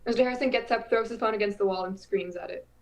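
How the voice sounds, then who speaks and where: A woman reading the scene narration of an audio drama in a plain, even way. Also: medium pitch, fast talker.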